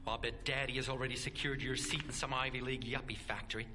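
A man's voice: mid-range voice, level tone, fast talker, natural voice. A man playing a sneering, cruel professor. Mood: contemptuous. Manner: sneering, contemptuous, insulting. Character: bitter, cruel male professor berating students.

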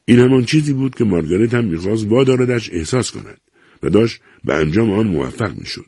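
Deep gravelly male narrator. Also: lively intonation, dark tone, no echo, studio quality. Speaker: audiobook narrator. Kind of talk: literary audiobook narration.

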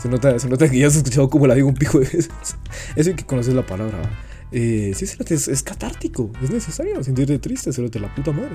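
A man's voice: mid-range voice, sing-song, quick pace, dark tone, soft background music. A young man with a Guatemalan Spanish accent, co-hosting a casual podcast chat in a slangy, profane, joking way. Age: young adult. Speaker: podcast co-host.

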